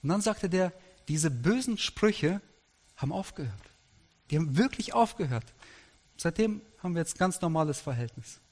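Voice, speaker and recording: Man, pastor, middle-aged, lively anecdotal sermon, higher voice, echoing church hall. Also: moderate pace. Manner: lively anecdotal preaching with quoted dialogue. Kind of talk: sermon storytelling. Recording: long hall reverb.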